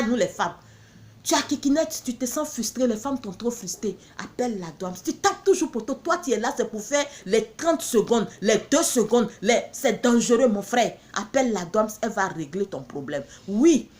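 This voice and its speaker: A woman's voice: on the high side, animated, moderate pace, darkish tone. A woman from Benin, selling her own products in a blunt, emphatic promotional monologue full of repeated catchphrases.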